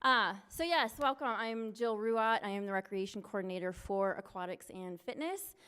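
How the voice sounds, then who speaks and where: A woman in her forties, a recreation coordinator presenting at a city meeting in an upbeat, loud lifeguard voice with many fillers. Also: mid-range voice, moderate pace, clean tone. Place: city council meeting room.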